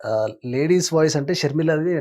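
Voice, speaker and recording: Man, soft-spoken, modest interview guest. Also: fairly high pitch, steady tone, quick pace. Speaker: mimicry artist guest. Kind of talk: casual interview chat.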